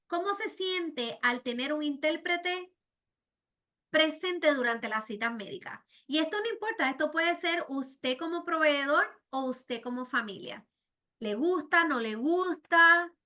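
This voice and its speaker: Presenting a webinar for healthcare providers, this middle-aged Puerto Rican program director sounds high, bright and forceful, animated yet measured in pace. She speaks earnestly with a Puerto Rican Spanish accent, leaning on fillers and frequent "¿verdad?" tags.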